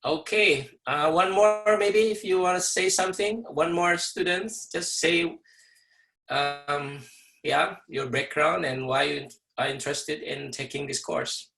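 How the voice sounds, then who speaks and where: A man teaching a university class over a video call, explaining slowly with many fillers and pauses. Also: a little high, creaky, pushed and bright, rough recording. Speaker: university professor. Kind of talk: online lecture with class introductions.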